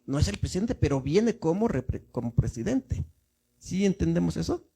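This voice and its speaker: A man's voice: on the high side, big pitch swings, moderate pace, vocal fry, dark tone, breathy edge. A male minister giving a teaching sermon, explaining step by step and often asking the congregation if they follow. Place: church.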